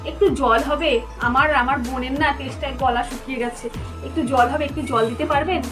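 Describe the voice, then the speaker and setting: A woman playing a frightened elder sister who hurries her younger sister along a dark road, nervous and repeating herself, with music behind. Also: high voice, steady tone, fairly quick, far from the mic, natural voice. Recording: background music.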